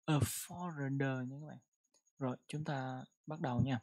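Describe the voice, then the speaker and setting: Flat-voiced teacher. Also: mid-range voice. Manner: repeats words, reads English examples slowly. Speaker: English pronunciation teacher. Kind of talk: casual online lesson.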